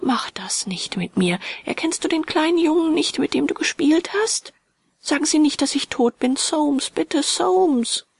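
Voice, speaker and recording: Woman reader voicing a proud young lord, commanding, gravelly, storybook. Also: high-pitched, lively intonation, measured pace, dry recording, voice pushed up, full character voice. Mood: pleading. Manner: haughty, commanding. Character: young male gentleman, proud, imperious.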